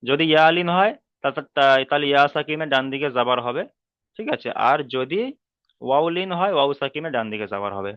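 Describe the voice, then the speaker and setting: A man's voice: a little high, animated, fairly quick, clear, resonant tone, dry recording. A male teacher giving an online reading lesson, patiently repeating rules and drilling letter sounds one by one. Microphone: video call. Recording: dull lo-fi online call audio.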